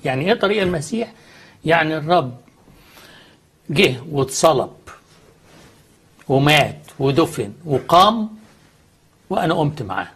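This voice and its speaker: A man's voice: a little high, sing-song, moderate pace, pauses often, fairly bright tone, breathy edge. A man with an Egyptian accent, a studio guest explaining faith earnestly and answering his own questions.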